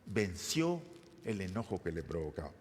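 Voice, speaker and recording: A man's voice: low voice, very animated, normal speed, a little hiss or hum. A man preaching a sermon as pastor, retelling a scripture story and asking his congregation questions. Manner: retells scripture, briefly voicing the figures; addresses the congregation as brothers, asks questions. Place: church hall. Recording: long echoing church hall reverb.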